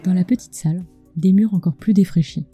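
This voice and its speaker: A woman's voice: on the low side, brisk, music in the background. A woman narrates a scripted podcast as a storyteller, speaking intimately close to the microphone, right in the listener's ear. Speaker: podcast host, culinary storyteller. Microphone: close microphone with acoustic screen.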